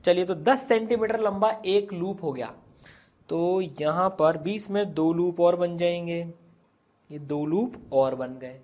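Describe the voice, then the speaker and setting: A man's voice: high-pitched, measured pace, darkish tone. A male physics teacher, explaining step by step and asking and answering his own questions. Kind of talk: classroom physics lesson. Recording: slightly dull lo-fi sound.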